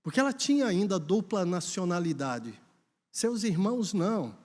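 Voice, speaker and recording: This Brazilian pastor's voice is high, a little mellow and very animated, moving at normal speed. Preaching at a church conference, he first tells a story and then presses the congregation forward emphatically, with long reverb filling the hall.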